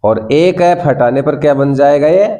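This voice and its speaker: A man's voice: on the high side, moderate pace, warm tone. A man with an Indian accent teaching a spoken English class, coaxing the students and repeating prompts for them to say back. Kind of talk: classroom lesson.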